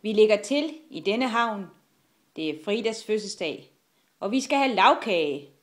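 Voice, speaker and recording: A woman's voice: medium pitch, lively intonation, lightly acted. A woman playing a bellowing pirate captain. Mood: bossy. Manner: bellowing, gruff commands. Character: loud boastful pirate captain man.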